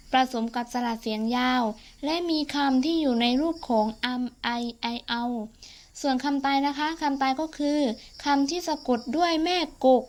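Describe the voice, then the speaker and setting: A teenage girl explaining exam answers politely and step by step to classmates. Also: sits high. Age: teens. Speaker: student tutor. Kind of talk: exam-prep lesson explanation.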